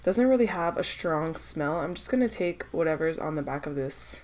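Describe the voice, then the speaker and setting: In this casual product-testing vlog, a young woman chats about skincare samples while congested with a cold. Her low-sitting voice is expressive and darkish in tone at a moderate pace. As a beauty vlogger thinking aloud, she hesitates often and uses plenty of fillers.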